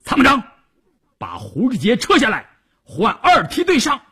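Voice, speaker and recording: A man voicing a hot-tempered army division commander who shouts orders and curses, with a husky voice. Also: a little high, huge pitch swings, unhurried, exaggerated voice. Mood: furious commanding.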